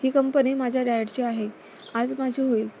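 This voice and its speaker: A woman's voice: high-pitched, little pitch movement, moderate pace, dark tone, a little hiss or hum. A woman reading the part of an earnest, apologetic young man in a story. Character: young man, office worker confessing.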